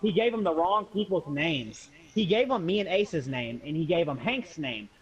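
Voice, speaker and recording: Animated and slightly rough, this young American man's fairly high voice moves at a normal pace as he shares a casual story with friends. He drops slang and acts out what everyone said, on a dull lo-fi recording.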